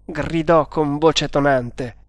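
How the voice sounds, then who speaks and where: A man reading an adventure novel aloud in a measured, dramatic storytelling manner. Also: fairly high pitch, fairly even intonation, no room sound. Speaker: narrator. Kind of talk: audiobook reading. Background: faint music.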